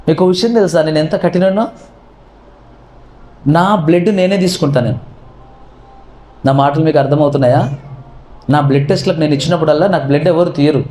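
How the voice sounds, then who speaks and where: Impassioned pastor preaching in an echoey room. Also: male voice, sits high, darkish tone. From India. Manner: impassioned, rhetorical questions. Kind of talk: sermon.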